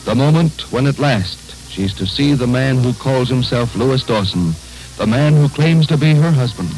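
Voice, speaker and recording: A man giving scripted narration for an old radio serial in a measured, dramatic manner. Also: medium pitch, animated, darkish tone, faint music behind, rough recording.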